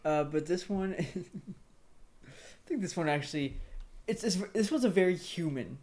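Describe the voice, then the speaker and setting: A man's voice: sits high, animated, normal speed, darkish tone. A man co-hosting a podcast in casual chat, hesitant, with many fillers and restarts. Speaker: podcast co-host.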